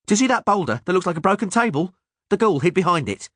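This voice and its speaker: A man doing a shrill, jumpy little gnome. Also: very animated, a bit bright, no room sound, studio quality, heavily acted. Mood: alarmed. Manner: shrill, indignant and hurried. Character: small excitable male gnome scout.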